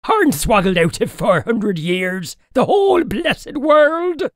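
Man doing a gruff, muttering old caveman. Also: very high voice, very animated, slow pace, dry recording, clean studio sound, pitched above the performer's own voice, heavily acted. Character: hairy, limping old caveman, menacing and muttering.

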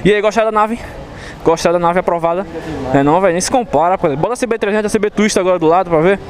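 Racing through his words in a high-pitched voice, a young Recife motorcycle vlogger hypes bikes from a showroom. His Pernambuco Brazilian Portuguese accent and slangy, excited chat come through a chest-mounted action camera.

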